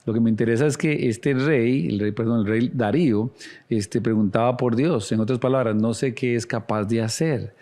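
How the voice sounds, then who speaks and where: A man's voice: medium pitch, normal speed, dark tone. A man preaching a sermon as a pastor, earnest and speaking straight to the listener with direct questions. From Latin America.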